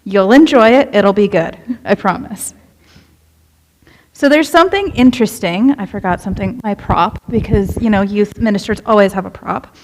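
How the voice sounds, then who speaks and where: On a rough recording from a church sanctuary, a young woman who works as a youth minister gives an informal, chatty sermon and puts questions to the people in the pews. Her mid-range voice is a little mellow and moves at normal speed.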